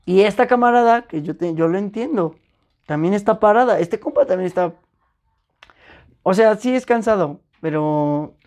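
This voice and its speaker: Mellow-voiced Mexican woman telling stories. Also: mid-range voice, normal speed. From Puebla, Mexico. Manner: animated, slangy, acts out other people's lines. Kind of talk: casual chat, storytelling.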